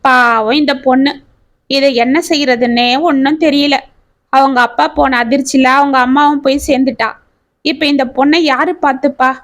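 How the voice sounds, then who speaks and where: Woman reading as nosy neighbors gossiping, high voice, fretting. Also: steady tone, normal speed, natural voice. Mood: fretful gossip. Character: gossiping village neighbors, worried and prying.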